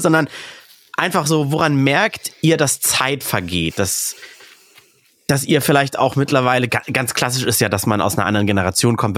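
A man's voice: medium pitch, fairly bright tone, dry recording. A man in his thirties co-hosting a podcast in casual chat, playful and joking as he leads the topics. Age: 30s. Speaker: podcast co-host.

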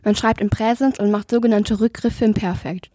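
A woman's voice: medium pitch, steady tone, moderate pace, dark tone, no echo. A woman explaining writing rules in a school presentation, in an instructive way. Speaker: student explaining. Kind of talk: scripted explanation.

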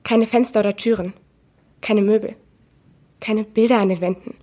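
A teenage girl reading a first-person novel excerpt aloud, measured with slow pauses. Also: medium pitch, steady tone, dark tone. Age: teens. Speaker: student reader.

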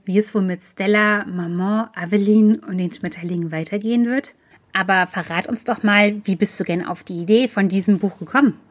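A woman's voice: mid-range voice, steady tone, brisk. A woman hosting a library book podcast, asking the author friendly questions.

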